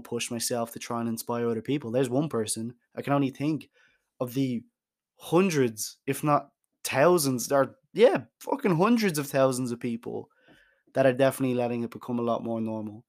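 A man's voice: medium pitch, normal speed. A young man hosting a candid solo podcast, talking frankly and emphatically, swearing for emphasis, with many restarts. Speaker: podcast host.

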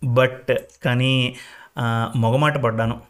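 A man voicing a calm, self-assured young male job candidate who speaks casually and easily. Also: medium pitch, slow pace, smooth, voice pushed down, natural voice. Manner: easygoing, casual with English words.

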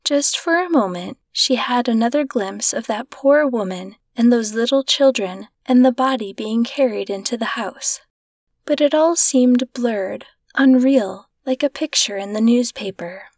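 A woman narrating a classic short story in a gentle, measured reading voice. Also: on the high side, dry recording, studio quality. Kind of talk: scripted narration.

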